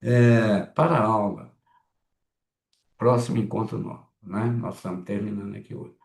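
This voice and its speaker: Gravelly, blunt Mineiro man teaching. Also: lowish voice, reverberant. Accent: Mineiro Brazilian Portuguese. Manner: chatty, blunt, animated asides. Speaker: psychoanalysis teacher. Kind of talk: online class talk.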